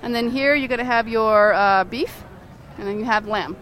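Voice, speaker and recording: A woman's voice: a little high, normal speed, fairly bright tone, slight background noise. A woman who owns a restaurant, explaining her dishes in an upbeat, chatty way and laughing easily. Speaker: restaurant owner. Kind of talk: casual food explanation on a show segment.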